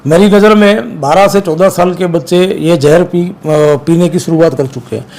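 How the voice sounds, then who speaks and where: A man from Gujarat, an activist guest, speaking forcefully and accusingly in a heated interview, repeating his points. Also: high voice, normal speed.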